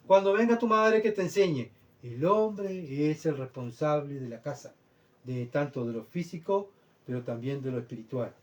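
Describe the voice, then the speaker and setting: A man's voice: fairly high pitch, normal speed. Emphatic man preaching. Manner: earnest, emphatic, rhetorical questions; swings between loud bursts and quiet asides. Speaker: pastor. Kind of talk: sermon.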